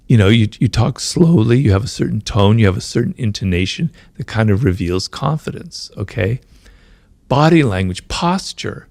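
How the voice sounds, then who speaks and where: A man answering interview questions, explaining at length, talks fast and keeps checking in with "right?" and "you know". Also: lowish voice, darkish tone, no room sound. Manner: talks fast, says his mind races. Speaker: author being interviewed.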